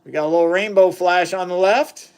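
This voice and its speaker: A man's voice: sits high, brisk, a little mellow, clean tone. Chatty man hosting a science livestream. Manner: chatty, enthusiastic, reads chat aloud. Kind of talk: casual live science demonstration.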